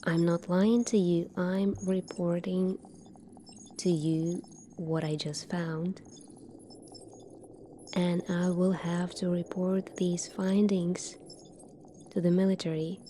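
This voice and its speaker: In an ASMR roleplay, a woman portrays a calm, secretive doctor from the future. Her mellow, somewhat low voice is often hushed, and she talks very slowly and deliberately. Faint noise sits in the background.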